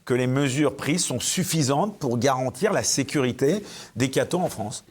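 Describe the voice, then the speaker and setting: A man's voice: medium pitch, expressive, normal speed, slightly rough. A man hosting a studio talk show, putting pointed, formal questions to his guests.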